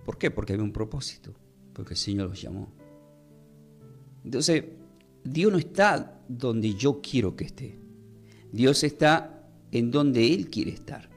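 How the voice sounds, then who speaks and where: Measured male preacher over soft music. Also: medium pitch, animated, slightly rough. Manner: measured, slowing to stress key words. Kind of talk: sermon.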